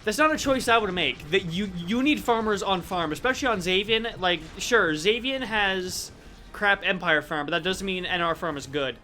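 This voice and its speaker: An American esports caster commentating a match, playful and quick to laugh. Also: medium pitch, expressive, pushed and bright, faint music behind. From USA. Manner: joking, easily laughing, playful.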